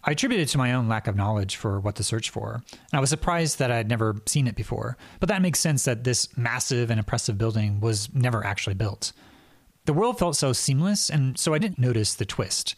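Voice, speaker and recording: A man's voice: medium pitch, animated, brisk, no echo. A man interviewing a virtual world creator, asking questions in a thoughtful, appreciative way.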